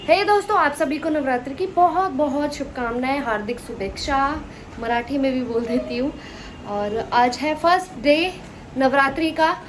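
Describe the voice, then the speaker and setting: A woman's voice: sits high, normal speed, a little hiss or hum, rough recording. A woman with a cold chatting casually to her viewers in a family vlog, rambling from one thing to the next. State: sick with a cold and fever. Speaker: vlogger.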